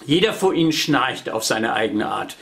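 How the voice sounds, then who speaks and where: A man's voice: mid-range voice, animated, normal speed, creaky, a bit bright. A man reading a children's book aloud and inviting young listeners to join in. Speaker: storybook reader for children.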